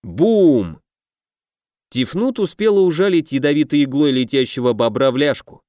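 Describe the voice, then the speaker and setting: A man's voice: a little high, animated, fairly quick, a little mellow, smooth, no echo, studio quality. Man narrating a fantasy audiobook.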